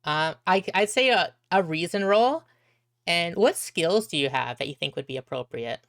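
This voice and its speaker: A woman game master narrates the scene and sets the rolls. Her voice is low, easygoing and dry in the mic. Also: normal speed, dry recording. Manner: relaxed, many fillers.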